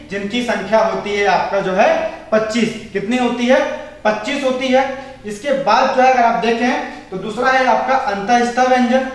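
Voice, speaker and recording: A man teaching an exam coaching class, who keeps asking questions and answering them himself and calls his students "bhai". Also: very high voice. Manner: asks and answers his own questions, repeats key points. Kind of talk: classroom grammar lecture. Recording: very echoey room, voice far from mic.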